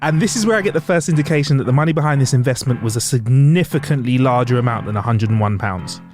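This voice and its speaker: A man's voice: mid-range voice, quick pace, a little mellow, faint music behind. A man co-hosting a podcast, telling a true-crime story with comic asides and long, playful strings of synonyms.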